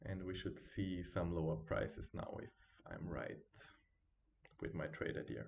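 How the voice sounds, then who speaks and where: A man at home giving live trading commentary, thinking aloud as he watches the charts and chats with his viewers, on a quiet built-in computer mic. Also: low voice, expressive, measured pace, gravelly, dull audio, a little hiss or hum. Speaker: day trading streamer.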